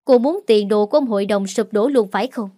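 A woman voicing a proud first wife of a wealthy house, speaking quickly and sarcastically in a storybook reading. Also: fairly high pitch, expressive, a little mellow, no echo, studio quality. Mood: cutting.

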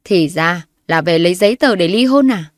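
A woman's voice: on the low side, lively intonation, moderate pace, no room sound, close to an everyday voice. A woman voicing a violent young husband who barks angry threats, in a dry recording. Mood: furious. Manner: barking, threatening.

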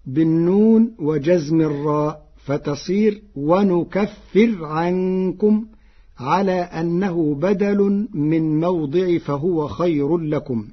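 A man from Egypt giving a formal radio lesson on Quran readings, measured, chanting the quoted verses slowly in a husky voice. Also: fairly high pitch. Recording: dull lo-fi radio broadcast recording.

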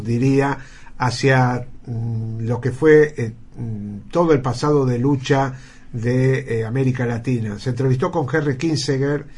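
A man giving indignant political commentary on a radio panel, often pausing on fillers as he talks. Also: mid-range voice, a little mellow, breathy edge. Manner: indignant, halting with frequent fillers.

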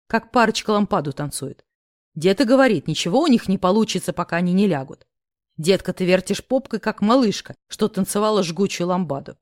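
A woman's voice: mid-range voice, darkish tone, dry recording, clean studio sound, close to an everyday voice. A woman voicing a mocking, bossy rich young man who teases and hisses orders. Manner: smug, teasing, hissing orders.

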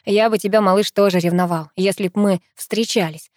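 A woman's voice: medium pitch, steady tone, brisk, a little mellow, dry recording, studio quality, close to an everyday voice. A woman voicing a cocky, joking teenage boy in an audiobook, drawling and teasing.

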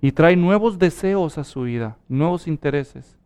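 A man's voice: fairly high pitch, expressive, measured pace, a little mellow, clean tone. A man preaching a sermon, earnest and telling a personal story, then leading a prayer. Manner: earnest preaching, acts out quoted dialogue. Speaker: pastor.

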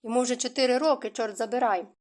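A woman reading the lines of an angry, proud middle-aged duke who bellows and shouts in an audiobook. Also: a little high, moderate pace, lightly acted. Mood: roaring.

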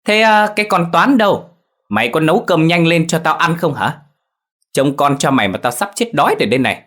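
A man voicing a spiteful middle-aged woman who scolds in a sharp, shrewish way. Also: fairly high pitch, animated, fairly quick, voice pushed up. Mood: scolding.

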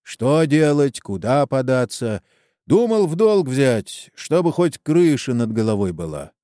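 A man's voice: mid-range voice, big pitch swings, a little slow, mellow, no echo, studio quality, voice pushed up. A man voicing a weary, indebted peasant farmer who talks in a rueful, plain-spoken way, in a storybook reading.

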